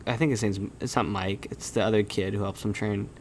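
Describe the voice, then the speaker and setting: A man's voice: fairly low pitch, steady tone, fairly quick, a little hiss or hum. A man chatting casually on a stream, animatedly retelling film scenes and quoting characters' lines. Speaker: stream co-host. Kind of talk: casual chat recapping a film.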